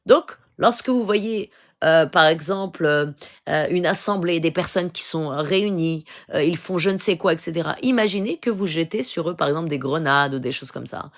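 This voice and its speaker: With a low voice at a moderate pace, a middle-aged Moroccan-accented woman runs a live stream where she gives viewers advice. She code-switches often, and "euh" and "d'accord?" pop up throughout her speech.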